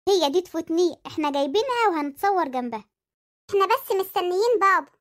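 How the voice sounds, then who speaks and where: Squeaky high egyptian cartoon kid, someone doing the voice, eager and chirpy, rattles along fast. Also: animated, a bit bright. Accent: Egyptian Arabic. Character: cheeky excited Egyptian boy. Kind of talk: cartoon voice acting.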